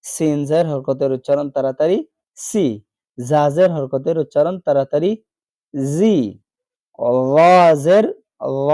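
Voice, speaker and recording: A man's voice: fairly high pitch, mellow, no room sound, studio quality. Man drilling Quran letter sounds. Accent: Bangladeshi Bengali. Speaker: Quran reading teacher. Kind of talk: online recitation lesson.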